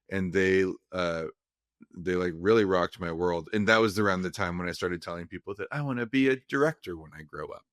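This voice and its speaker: A man's voice: sits low, fairly bright tone, dry recording, studio quality. A young man from California, a film director, talking casually in an interview and rambling with many restarts. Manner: rambling, frequent restarts and fillers.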